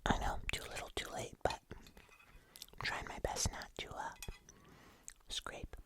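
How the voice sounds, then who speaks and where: An ASMR host reviews food in a slow, soft, unvoiced whisper throughout, chatting casually the whole time.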